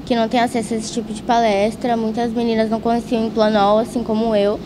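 A woman's voice: a little high, flat delivery, fast talker, noisy background. A teenage girl, a student apprentice, answering an interview earnestly into a handheld microphone.

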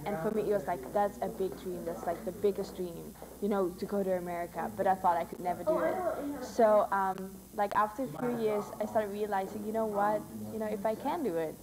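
A woman's voice: mid-range voice, rough recording. Eager woman in her 20s, interview, busy backstage chatter behind. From Netherlands. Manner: eager, chatty, many fillers. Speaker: mime student. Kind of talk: casual interview. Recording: crowd noise behind.

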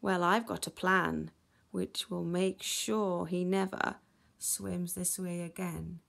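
A woman's voice: lowish voice, fairly even intonation, slow pace, vocal fry, fairly bright tone, full character voice. A woman voicing a clever, resolute squid in a children's story, questioning and then taking charge. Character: clever squid, concerned and reassuring problem-solver.

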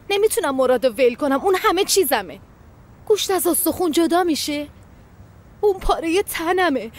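A high-voiced, desperate mother in a dubbed TV drama. She talks in an emotional, pleading way, aching for her child. Soft music sits under the scene. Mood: anguished. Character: anguished mother longing for her young son. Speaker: dub actress.

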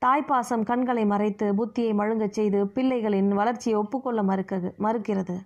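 A woman narrating an audiobook novel in a steady storytelling manner, recorded muffled and lo-fi. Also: mid-range voice, a little fast.

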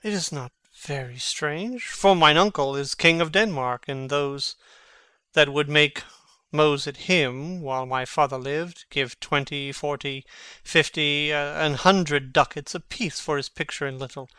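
Playing a young Shakespearean prince who feigns madness, a man delivers witty, mocking lines with theatrical, teasing, archly sardonic flair and a wry, bitter mood. His highish voice is very bright, clean and smooth, at a measured pace. It's recorded close and dry, with no room sound.

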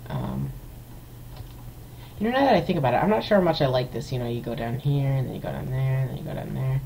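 A man's voice: medium pitch, big pitch swings, fast, gravelly, mellow, slight background noise, low-quality recording. Rambling young man narrating gameplay. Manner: rambling, filler-heavy, restarts sentences. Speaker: gameplay video host. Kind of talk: casual let's-play commentary.

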